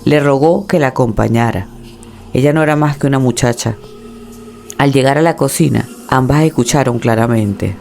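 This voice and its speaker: A man reading a scripted horror story in a dramatic, measured storytelling manner. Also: medium pitch, gravelly, a little mellow, slight background noise.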